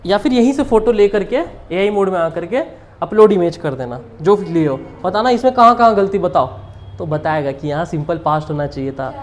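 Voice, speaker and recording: A man's voice: high voice, normal speed. A man teaching English grammar to a live class. He keeps quizzing his students, mixes Hindi with English, and chuckles often.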